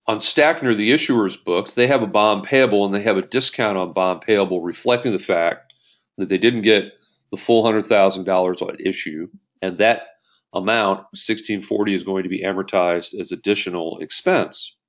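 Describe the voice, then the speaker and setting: An accounting instructor with a low-pitched voice delivers an explanatory lecture at normal speed. He works through an example step by step, rephrasing key points and posing questions to himself.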